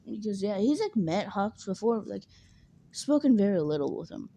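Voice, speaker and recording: A woman's voice: mid-range voice, big pitch swings, moderate pace, creaky, dark tone. A woman casually retelling a fan story in a rambling way, full of fillers, now and then acting out the characters' lines.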